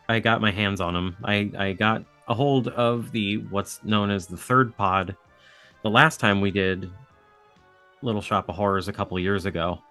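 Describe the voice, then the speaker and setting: A man's voice: on the low side, fairly bright tone, clean tone. A man speaking as a podcast guest, explaining things in an easygoing, casual way. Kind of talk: casual chat.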